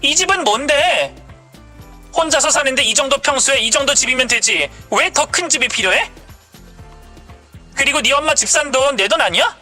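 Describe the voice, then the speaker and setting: A fierce young wife in a spoken story, sharp and scolding, as a woman reads her part. The voice sits very high and sounds bright and tense. Soft music plays underneath. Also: animated, moderate pace, pauses often. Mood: angry, scolding. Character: angry young wife confronting her in-laws.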